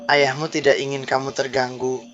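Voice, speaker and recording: A male police officer speaking in a calm, level, steady way. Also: mid-range voice, moderate pace, lo-fi sound, faint music behind.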